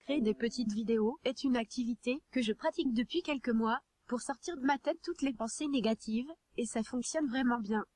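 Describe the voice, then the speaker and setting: A synthetic text-to-speech woman's voice reading scripted tutorial narration in an even, neat, instructional way. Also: on the high side, fairly quick, few pauses, faint music behind. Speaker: narrator of a hobby tutorial video.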